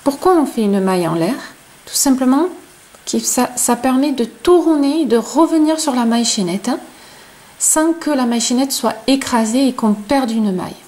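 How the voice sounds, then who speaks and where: A woman with a non-native French accent, teaching crochet step by step and counting stitches aloud in a chatty, soft-spoken way. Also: sits high, lively intonation, moderate pace, low-quality recording. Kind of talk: slow step-by-step tutorial.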